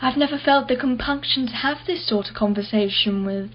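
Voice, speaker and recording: In this radio play, a wealthy society woman is voiced by an actress at a fairly quick pace. Her fairly high voice is clipped and imperious, her manner blunt, brittle and guarded, with somewhat muffled, dull audio.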